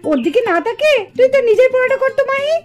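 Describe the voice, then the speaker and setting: A woman's voice: very high voice, lively intonation, racing, pitched above the performer's own voice. A woman voicing a doting mother in a doll cartoon, praising one daughter and scolding the other. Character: doting mother of two girls.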